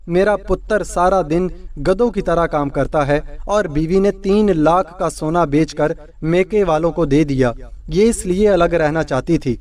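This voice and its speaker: A man's voice: fairly high pitch, a little mellow, far from the mic, lightly acted. A man voicing a worried, doting older mother who asks after her son tenderly. He keeps close to his own voice, set back from the mic. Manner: fretful, tender questioning.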